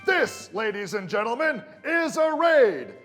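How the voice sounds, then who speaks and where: An actor playing a strict male army drill sergeant who shouts commands at recruits. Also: very high voice, sing-song, exaggerated voice. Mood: commanding. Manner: shouted military commands, drawn-out emphatic delivery. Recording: long reverb with music underneath.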